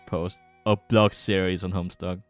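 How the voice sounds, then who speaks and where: A man with a low voice and flat delivery, speaking at normal speed, co-hosts a livestream in loose, casual chat. His voice is dry, with music playing behind it.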